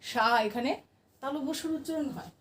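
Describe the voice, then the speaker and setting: A woman with a high voice teaches a grammar lesson, patiently asking her class questions and answering them herself. She sits back from the microphone in a roomy, echoing space. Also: a little fast, fairly bright tone, distant mic, a little hiss or hum.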